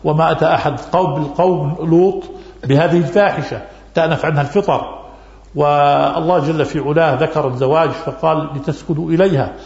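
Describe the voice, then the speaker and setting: Fast, gravelly-voiced sheikh answering questions. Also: male voice, a little high, darkish tone. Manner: repeats key phrases for emphasis. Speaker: Islamic scholar answering questions. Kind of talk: religious question-and-answer lesson. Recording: echoey, dull lo-fi recording.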